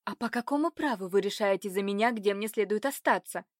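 A woman's voice: fairly high pitch, fast talker, no room sound, clean studio sound, lightly acted. A woman playing an eager young noble girl. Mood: pleading, indignant. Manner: bright and eager. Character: naive cheerful eighteen-year-old noblewoman.

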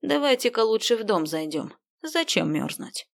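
A woman's voice: on the high side, sing-song, creaky. A woman voicing a smug, wealthy man who speaks in a condescending, smirking way. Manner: condescending, slow smirking delivery.

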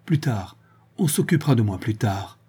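A man's voice: mid-range voice, expressive, normal speed, mellow, husky. A man voicing a wounded, stammering Breton maid. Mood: urgent. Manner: stammering, urgent.

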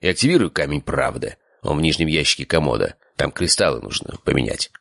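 Man voicing a stern father, growling, commanding, deep voice, dry sound. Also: animated, fairly quick, vocal fry, a bit bright, no echo, exaggerated voice. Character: stern, hot-tempered noble father. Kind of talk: audiobook character voice.

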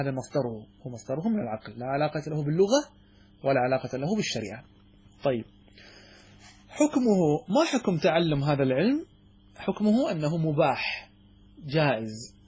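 A man's voice: a little high, a little mellow, slightly rough. A man teaching a class as a sheikh, who asks his students questions, answers them himself and often stops and restarts his sentences. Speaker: sheikh teaching a logic text. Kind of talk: classroom lecture.

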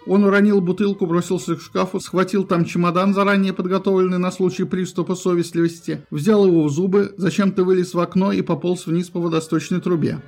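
A man narrating an audiobook in a lively, theatrical storytelling manner. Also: high voice, brisk, few pauses, soft background music. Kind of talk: expressive audiobook reading.

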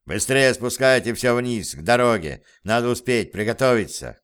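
A man voicing a brisk male guerrilla leader who gives curt orders, read as audiobook dialogue. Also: medium pitch, lively intonation, a bit bright, clean tone, close to an everyday voice. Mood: commanding.

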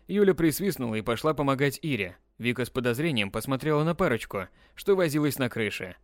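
Brief: male audiobook narrator, animated delivery, dry close studio sound. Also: medium pitch, quick pace, dry recording. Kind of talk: scripted narration.

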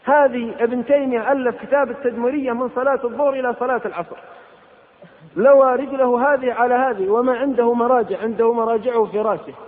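A man preaching an impassioned sermon, scolding and rising to sharp outbursts. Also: extremely high pitch, steady tone, fast talker. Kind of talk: fiery sermon. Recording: tinny old cassette in a hall.

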